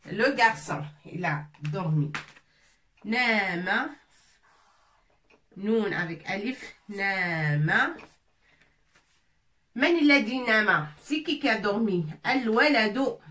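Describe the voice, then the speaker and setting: A woman who teaches Arabic runs a slow, patient lesson on French letters, repeating sounds and drilling syllables one by one for her learners. Her voice is mid-range, expressive and sharp, picked up from a distance and a bit off-mic amid echo and faint noise.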